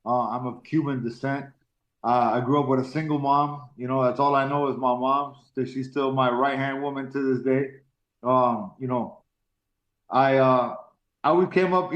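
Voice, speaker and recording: A man in his forties from Miami, a professional fighter telling his life story in an interview, in a casual, halting way with many repeated words. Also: mid-range voice. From Miami, Florida. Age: 40s. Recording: roomy, dull lo-fi sound.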